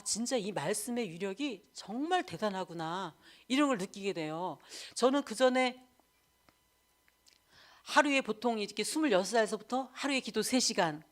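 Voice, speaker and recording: Woman evangelist giving a candid sermon. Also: fairly high pitch. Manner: candid testimony, animated storytelling. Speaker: evangelist preacher.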